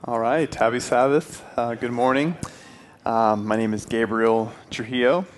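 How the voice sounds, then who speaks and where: Speaking as a guest in a church hall with a stone fireplace, this Puerto Rican man in his twenties is warm and sincere, with some restarts. His tone is steady, his voice mid-range, and his pace measured. There's slight hiss or hum, and the mic changes from handheld to headset.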